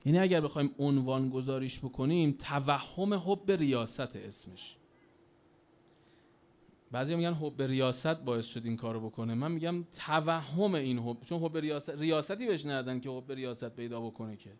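A male preacher tells his sermon in a plain, colloquial way, like a story told to a crowd. His voice is mellow and warm, neither high nor low. He drops quiet and then bursts out loud. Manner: colloquial storytelling with sudden swings in loudness. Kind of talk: religious sermon.

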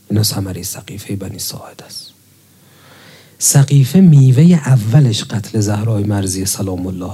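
A man preaching a sermon, telling a story in a lively way and acting out the people in it. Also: husky. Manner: animated, acts out the quoted speakers in the story; drops to a low, hushed voice near the end.

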